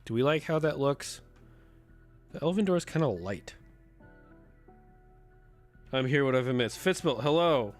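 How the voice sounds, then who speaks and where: A man streaming live with a sick, rough voice. He chats casually and thinks aloud as he builds a map, often counting under his breath. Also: medium pitch, expressive, normal speed, long pauses, faint music behind. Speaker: streamer and host.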